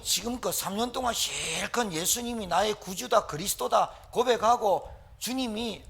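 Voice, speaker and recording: A man's voice: sits high, fairly bright tone, breathy edge. A middle-aged man, preaching a sermon as pastor with emphatic rhetorical questions.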